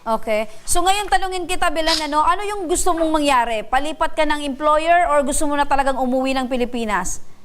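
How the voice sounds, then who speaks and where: A woman's voice: high voice, brisk. A woman hosting a public-service program, probing the caller and summing up her story. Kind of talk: radio interview.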